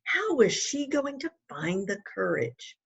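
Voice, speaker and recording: A children's author reads her own book aloud in a mid-range, gravelly, slightly rough voice with an unhurried, sing-song lilt. She leans on emphatic phrasing and puts questions to her young listeners.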